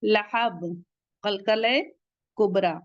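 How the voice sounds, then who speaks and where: A woman teaching the rules of Quran recitation, slowly sounding out each word and then explaining how to pronounce it. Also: medium pitch, no room sound, dull audio. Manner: slow, deliberate, drawn-out recitation of each word.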